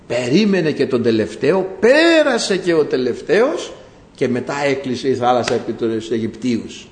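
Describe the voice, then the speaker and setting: A man preaching a sermon, lively and animated, acting out the voices of the people he talks about. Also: a little hiss or hum. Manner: animated, acts out voices of people and God in rising pitch. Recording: echoey hall.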